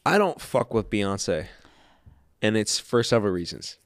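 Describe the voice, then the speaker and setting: Male podcast co-host, hungover, blunt and sweary, lowish voice, casual chat. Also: very animated, measured pace, no echo, clean studio sound. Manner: blunt, profane.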